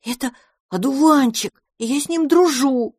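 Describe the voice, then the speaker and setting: A woman voicing a cheerful, eager little boy kitten in a storybook, squealing with excitement. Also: high-pitched, normal speed, dry recording, studio quality, voice pushed up, close to an everyday voice.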